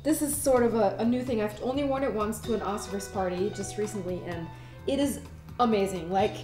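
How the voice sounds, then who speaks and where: At medium pitch and a slightly quick pace, a young German woman from Munich talks up her clothes. As a fashion blogger in an easygoing interview about her wardrobe, she fills her speech with "like" and "you know." Music plays behind her, and the room echoes.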